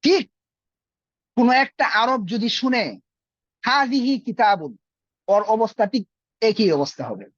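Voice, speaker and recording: A man's voice: extremely high pitch, very animated, moderate pace, long pauses, no echo, muffled recording. A man teaching Arabic in an online class, explaining patiently with everyday examples. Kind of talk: online class over a group call.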